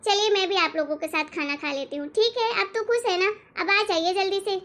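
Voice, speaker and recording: A woman's voice: extremely high pitch, fairly quick, fairly bright tone. A woman doing a sweet, dutiful young bride. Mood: reassuring. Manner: polite, reassuring, respectful. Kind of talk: cartoon story voice acting.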